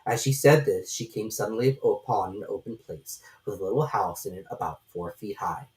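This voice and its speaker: A woman reading a storybook as narrator in an expressive, scripted style. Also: rumbling low, moderate pace, low-quality recording.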